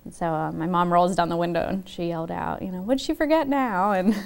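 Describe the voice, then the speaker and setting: Soft-spoken woman with a gravelly voice. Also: on the low side, little pitch movement. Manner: halting, soft-spoken recounting with many pauses. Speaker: interviewee, widow. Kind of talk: documentary interview.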